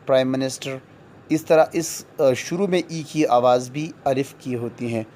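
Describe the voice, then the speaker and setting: A man teaching a lesson on vowel sounds, speaking slowly and repeating each example word, then spelling it out. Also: medium pitch, darkish tone, a little hiss or hum. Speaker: English teacher.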